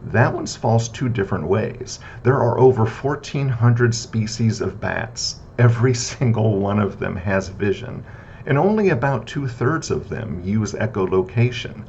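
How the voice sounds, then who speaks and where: A man lecturing on philosophy in a casual, conversational way, often checking in with "right?" and filling pauses with "uh". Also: lively intonation, darkish tone. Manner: conversational, frequent "right?" and "uh" fillers; repetitive list-like debunking of myths. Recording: slightly dull lo-fi audio with faint rumble.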